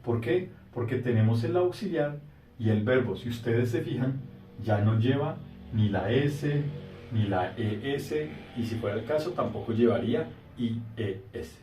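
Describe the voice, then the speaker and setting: A man with a mellow, relaxed voice gives a patient grammar lesson and draws out key words slowly. He sounds a little distant from the mic, and the room around him is echoey. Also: medium pitch. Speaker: English teacher.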